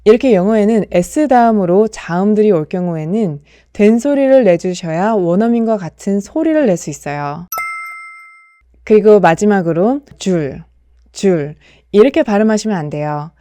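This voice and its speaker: A woman's voice: medium pitch, animated, moderate pace, mellow. A young adult woman giving a scripted pronunciation lesson, carefully repeating model words and explaining between them. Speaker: English pronunciation teacher.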